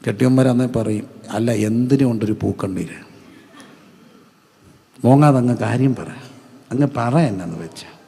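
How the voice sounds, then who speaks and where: A male pastor preaching a sermon, asking rhetorical questions and answering each one himself in a lower, quieter voice. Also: creaky, long reverb tail.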